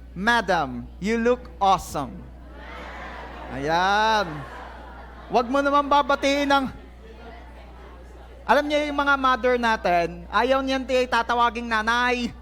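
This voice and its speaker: A pastor with an extremely high, sharp voice gives a lively sermon in a church hall, joking playfully with the congregation. The recording of the service picks up a faint crowd, with the congregation laughing and responding.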